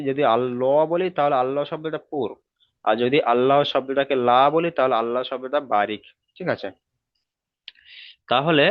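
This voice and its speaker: A man's voice: medium pitch, no room sound, highs cut off. A man from Bengal teaching Quran reading in an online lesson, patiently spelling out letters and often checking that students follow. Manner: often checks understanding with a quick question.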